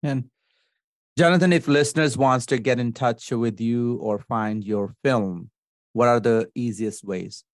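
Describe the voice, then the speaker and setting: A man's voice: mid-range voice, unhurried, dry recording, clean studio sound. A man hosting a podcast interview, easygoing and informal. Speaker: podcast host.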